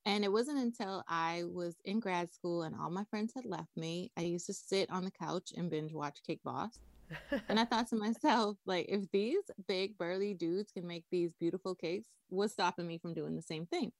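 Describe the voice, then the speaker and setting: A woman's voice: on the low side, normal speed, creaky, dry recording. A woman from the Bahamas, a wedding cake designer, chatting upbeat as a podcast guest. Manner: upbeat, chatty, frequent laughs and "like".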